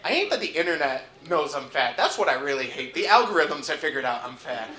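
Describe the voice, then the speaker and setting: A young man from upstate New York doing a stand-up comedy set, trading wry deadpan asides for loud punchlines. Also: a little high, a little fast. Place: comedy club at a resort. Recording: roomy club stage mic.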